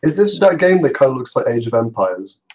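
Gravelly-voiced man with a cold. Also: mid-range voice, sing-song, fairly quick, highs cut off. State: has a cold. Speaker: podcast co-host. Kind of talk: casual podcast chat.

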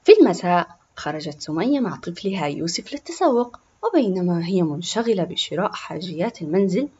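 Breathy woman telling a story, voice goes up and down a lot, kinda muffled recording. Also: on the low side, a little fast. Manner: expressive storybook reading. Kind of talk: scripted story narration.

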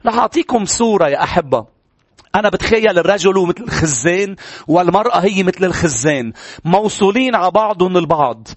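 Earnest high-voiced Lebanese preacher. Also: male voice, no room sound. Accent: Lebanese Arabic. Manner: earnest preaching with repeated phrases. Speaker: pastor. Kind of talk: sermon.

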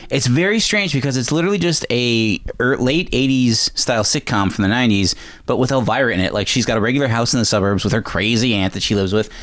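A man's voice: mid-range voice, fast, a bit bright. A man hosting a casual podcast chat, enthusiastic and playful. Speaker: podcast host.

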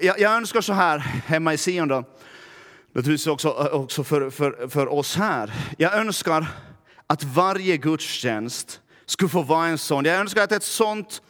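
In a church with a long reverb tail, a Närpes man speaking with a Finland-Swedish accent preaches in a conversational style. His high-sitting voice has a fairly bright tone. He keeps checking in with his listeners by asking "va?".

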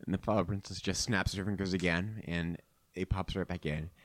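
A man improvising narration as game master of a tabletop game, halting as he thinks aloud. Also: sits low, fairly even intonation, no echo.

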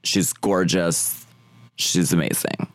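Drag performer guest, male, very low gravelly voice, lively delivery, filler-heavy casual talk, dry close mic. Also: slow pace, dry recording. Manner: rambling, many fillers and "like". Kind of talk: casual interview chat.

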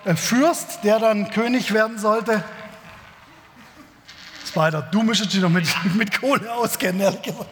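A man's voice: high voice, normal speed, long pauses, a bit bright, a little hiss or hum. A man preaching a sermon, reading Scripture and explaining it in a casual, joking way with many fillers. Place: church. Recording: echoey church hall.

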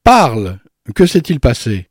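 Guy voicing an edgy impatient master of the house, barks short orders, dark dry voice, radio story reading. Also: mid-range voice, big pitch swings, a little slow, no room sound. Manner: curt and commanding.

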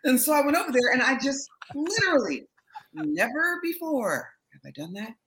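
Lively middle-aged woman telling stories. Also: sits high, moderate pace. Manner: animated storyteller, laughs often, acts out quotes. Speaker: interview guest, backing singer. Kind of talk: casual interview chat.

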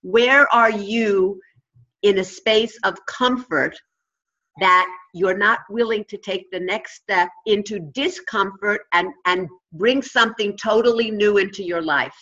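A woman's voice: medium pitch, a little slow, pushed and bright, highs cut off. A woman with a New York accent giving conversational advice as an interview guest, emphatic and instructive, repeating phrases for emphasis. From New York, United States. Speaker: interview guest, consciousness coach and teacher.

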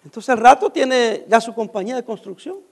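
A man's voice: very high-pitched, brisk. A middle-aged man with a Mexican accent telling a casual work anecdote, acting out the dialogue and laughing as he goes. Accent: Mexican Spanish. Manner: animated, acts out dialogue, laughs while telling. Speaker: storyteller.

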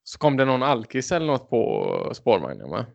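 A man's voice: mid-range voice, huge pitch swings, vocal fry, dull audio. A man co-hosting a podcast, teasing his friend and pressing him with questions. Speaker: podcast co-host. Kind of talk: casual chat.

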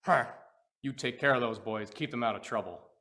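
A man voicing a stern middle-aged female store manager, scolding in a flat, firm voice close to his own. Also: mid-range voice, normal speed, pitched below the performer's own voice, lightly acted.

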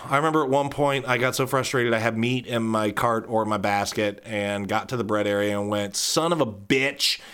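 A man hosting a solo podcast in a casual, rambling monologue, swearing freely and jumping into sudden high squeaky outbursts. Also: sharp tone, clean tone. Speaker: podcast host.

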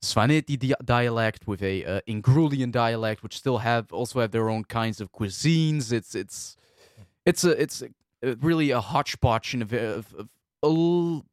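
A man's voice: mid-range voice, moderate pace, no echo, clean studio sound. A man co-hosting a podcast, talking through history in a thoughtful, hesitant way with many fillers. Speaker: podcast co-host. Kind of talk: casual discussion.

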